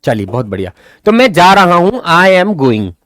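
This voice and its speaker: A man teaching English grammar in a live online class, talking fast, then slowing right down to spell out English example sentences. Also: high voice, sing-song, fairly bright tone, dry recording.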